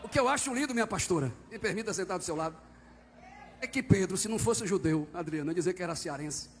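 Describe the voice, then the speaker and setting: A man preaching a fiery church sermon, swinging from quiet, close talk up to shouted, high-pitched calls to the congregation. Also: fast talker. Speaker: visiting preacher. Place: church service.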